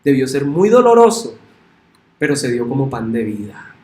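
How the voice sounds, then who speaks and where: A male pastor preaching a sermon in a church, emphatic and swinging up into loud, high exclamations. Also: big pitch swings, moderate pace, echoey room. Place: church sanctuary.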